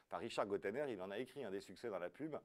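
A man's voice: on the low side, animated, racing. A man hosting a live quiz show, reading questions and scores with playful joking asides.

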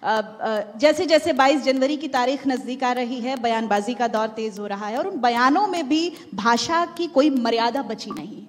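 High-voiced woman anchor, hall echo. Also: moderate pace, hardly any pauses. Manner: polished, formal questions. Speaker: TV panel anchor. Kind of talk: formal moderating. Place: large stage hall with audience. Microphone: handheld mic. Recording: long hall reverb.

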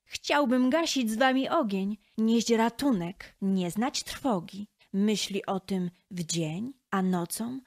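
A woman's voice: medium pitch, slow pace, hardly any pauses. A woman voicing a small, earnest village boy who longs to join the fire brigade, speaking in a dreamy, heartfelt way.

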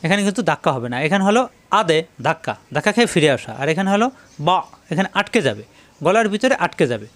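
A man's voice: high voice, very animated, a bit bright. A man teaching Quran recitation rules, patiently repeating each sound to show the difference. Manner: recites verses in slow drawn-out chant. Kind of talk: tajweed lesson.

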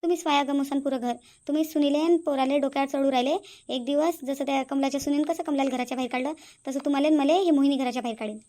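Woman voicing a scolding cartoon mother-in-law, nagging, quick-talking, high voice. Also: fairly even intonation, close to an everyday voice. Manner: nagging, sharp and accusing. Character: scolding middle-aged mother-in-law, quarrelsome. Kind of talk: cartoon voice acting.

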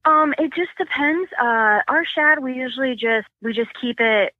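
A woman's voice: high-pitched, moderate pace, no room sound, narrow, tinny audio. A woman guest explaining catfish rigs and bait in a casual, practical way, full of ums and you-knows. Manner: chatty, practical, many fillers like um and you know. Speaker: guest, sponsored catfish angler.

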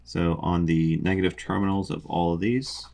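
Low-voiced man explaining a wiring plan. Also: level tone, moderate pace, gravelly, darkish tone. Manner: methodical, explanatory, with frequent ums. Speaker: sailing vlogger explaining a boat electrical system. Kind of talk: explaining while drawing a diagram.

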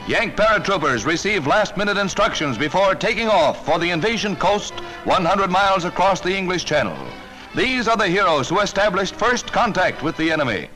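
A man's voice: high voice, animated, brisk, rough recording. A man narrating a 1940s newsreel in a rousing, emphatic announcer style, with the sound of an old newsreel. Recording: narration over loud orchestral music.

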